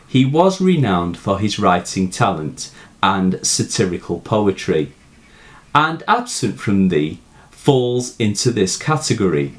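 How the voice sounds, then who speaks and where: Reciting verse and delivering a scripted literary analysis in the role of a teacher, a man speaks in a voice on the low side. He uses deliberate, measured phrasing and adds dramatic emphasis.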